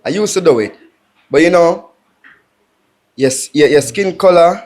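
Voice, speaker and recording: A young man from Jamaica with a Jamaican accent, bluntly critiquing a woman on a dating show, teasing and loud at times. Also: fairly high pitch, unhurried.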